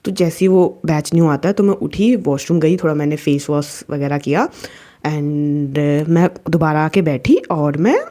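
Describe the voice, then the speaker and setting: A woman's voice: low-pitched, normal speed, dark tone. A young woman telling a personal story in a casual, chatty way, mixing in English words as she talks. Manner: chatty, mixes in English words, frequent restarts. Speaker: vlogger.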